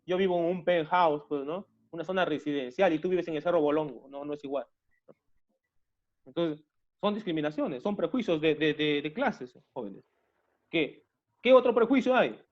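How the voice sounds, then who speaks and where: A man's voice: on the high side, animated, normal speed, dull audio. A man from Peru teaching an online class, repeating himself and often calling his students young people. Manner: repetitive, addresses class as "jóvenes", many restarts.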